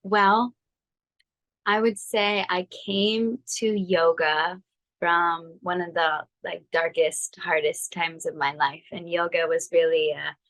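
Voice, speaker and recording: Woman guest on a video call, slightly low voice, reflective, measured, pausing to find words. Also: little pitch movement, a bit bright, rough recording. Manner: thoughtful, measured, some hesitations. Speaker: yoga teacher guest. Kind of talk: reflective personal interview.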